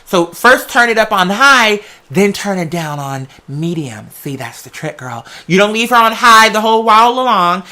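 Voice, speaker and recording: Bright and forceful, the medium-pitched voice swings widely in pitch at a moderate pace with few pauses. It belongs to an American video creator giving a rambling, digressive vlog monologue, campy and full of drag slang.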